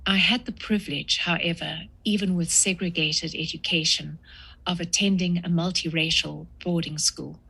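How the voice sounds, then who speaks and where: A woman in her sixties from South Africa, a guest author answering podcast interview questions in a measured way with frequent pauses. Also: on the low side, vocal fry, pushed and bright, breathy edge.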